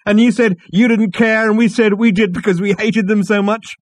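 Man doing a high, gushing tipsy alien. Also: steady tone, moderate pace, no room sound, clean studio sound. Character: tipsy cheerful male alien hitchhiker.

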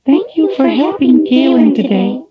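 A man voicing a tiny female night wisp spirit, speaking slowly and gravely, with faint music behind. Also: extremely high pitch, sing-song, muffled recording, pitched above the performer's own voice. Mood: gentle. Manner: slow, grave, prophetic.

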